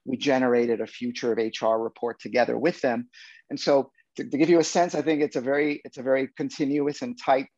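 A man speaking as a startup executive on a business panel, in halting tech-bro jargon with repeated words. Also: medium pitch, fairly even intonation, a little mellow, no echo, dull audio. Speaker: startup executive, interview guest.

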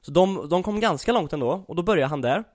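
A man's voice: fairly high pitch, no echo, clean studio sound. A young man in casual chat, animatedly retelling an anime with lots of fillers. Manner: animated, many fillers like "liksom".

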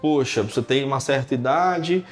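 This thirty-something pastor has a medium-pitched voice and keeps a moderate pace. Chatting casually on a podcast, he tells lively stories and peppers them with frequent "cara" and "né".

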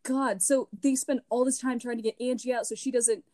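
A woman's voice: a little high, steady tone, normal speed, mellow. A woman co-hosting a casual film review podcast, adding joking, sarcastic asides. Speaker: podcast co-host.

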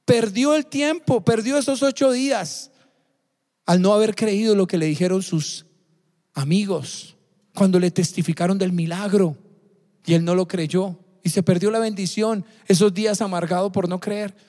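A man's voice: high-pitched, moderate pace, warm tone. A man preaching a sermon as a pastor, emphatic and fond of repeating key phrases. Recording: long hall reverb.

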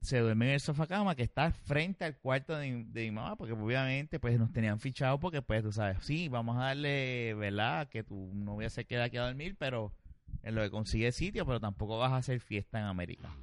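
A man, telling a story on a casual podcast, animated, swearing freely and laughing often. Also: mid-range voice, a little fast, no room sound.

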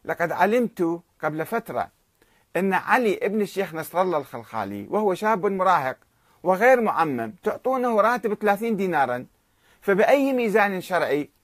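A man voicing an indignant elderly male cleric who shouts back emphatically in a retold story. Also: high-pitched, very animated, fairly quick, no room sound, clean studio sound, pitched above the performer's own voice.

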